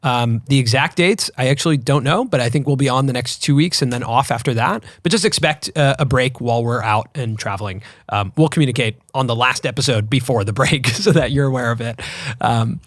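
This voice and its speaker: A man's voice: mid-range voice, a little fast, dry recording. A man in his thirties co-hosting a podcast, chatting casually with lots of fillers and likes. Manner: relaxed, conversational, frequent fillers. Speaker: podcast co-host. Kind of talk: casual chat.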